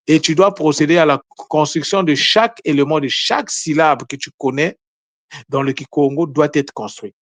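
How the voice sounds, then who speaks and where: A man delivers a spontaneous spiritual lesson in an earnest tone, circling back over words and restarting his sentences as he thinks. His voice sits at an ordinary middle pitch. The recording is dry and close, with almost no room sound. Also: dry recording. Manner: earnest, repeats words and restarts phrases often. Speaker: spiritual teacher. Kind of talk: unprepared spiritual teaching talk.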